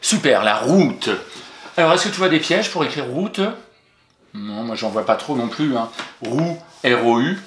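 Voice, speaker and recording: A patient, encouraging male teacher takes a young pupil through spelling, sounding out every letter in an ordinary middle-pitched voice. The room rings with noticeable echo, and there's background noise.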